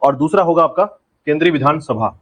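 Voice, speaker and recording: A man's voice: a little high, brisk, a bit bright, dull audio. A man teaching an exam-prep lecture, drilling key points and repeatedly telling students to remember them. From India.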